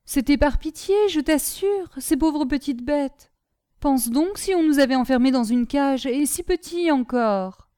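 Gribouille, a simple-hearted young servant boy, eager and rambling, with a raised, innocent pitch, as a woman reads him. His voice is warm and mellow, and it sits dry and close. This is storybook reading. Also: animated, unhurried, no room sound. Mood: naive, earnest. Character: simple-minded, earnest young male servant.

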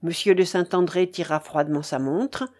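A woman reading a story aloud as an audiobook narrator, in a measured, dramatic way. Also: lowish voice, a little mellow.

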